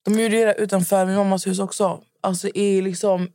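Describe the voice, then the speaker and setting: A young woman co-hosting a podcast in casual chat, with short reactions and animated retellings. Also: mid-range voice, no echo, studio quality. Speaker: podcast co-host.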